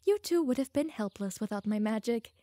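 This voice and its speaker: A young woman performs an audio roleplay aimed at the listener, playing a teasing, smug elf mage who is secretly lovestruck, playful and easily flustered. Her natural voice is fairly high, expressive, brisk and dark-toned, with no echo, and her mood shifts between playful and defensive.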